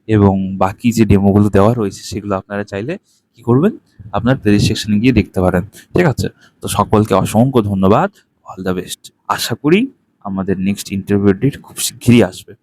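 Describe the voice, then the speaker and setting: A man's voice: on the low side, darkish tone. A man teaching a primary demo class, explaining step by step and checking in with frequent questions.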